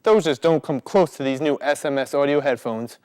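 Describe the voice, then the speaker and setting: A man's voice: on the high side, brisk, a little mellow, smooth, dry recording, clean studio sound. A man speaking as a customer giving a product testimonial in an infomercial.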